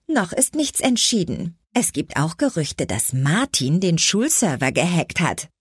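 A woman's voice: on the low side, big pitch swings, unhurried, slightly rough, dry recording, studio quality, exaggerated voice. A woman voicing a cheerful, self-assured teenage schoolgirl in an audiobook, bubbly and reassuring. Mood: cheery.

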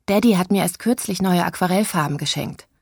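A high, slightly breathy young girl, as a woman reader puts her on, dreamy and given to melodrama. She talks on eagerly in a dry, close storybook recording. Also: fairly quick, no room sound. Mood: chatty. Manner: theatrical, then hesitant and chatty. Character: excitable young girl, dramatic, forgetful, dreamy.

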